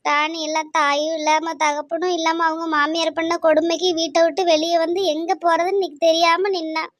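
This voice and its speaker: A woman plays a caring young neighbour in a cartoon who coaxes and reassures an old couple, speaking. Her voice is very high and fast, recorded close and dry. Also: level tone, dry recording. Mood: reassuring. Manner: coaxing and reassuring.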